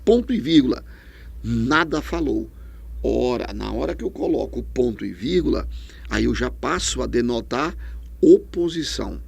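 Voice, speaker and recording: Gravelly Brazilian man teaching grammar. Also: mid-range voice, moderate pace. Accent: Brazilian Portuguese. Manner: questions and answers himself, lively emphatic. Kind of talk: distance-learning grammar lecture.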